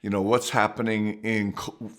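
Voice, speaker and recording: A middle-aged mission worker tells a personal story at home in a lowish voice with little pitch movement and normal speed. His anecdote rambles conversationally, with frequent sentence restarts and asides.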